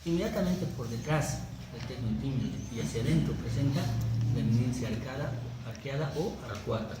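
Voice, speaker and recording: A man's voice: medium pitch, a little fast. A man teaching anatomy to a class, conversational, often checking that students follow. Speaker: anatomy lecturer. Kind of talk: classroom lecture with jokes. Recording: very echoey room with background noise.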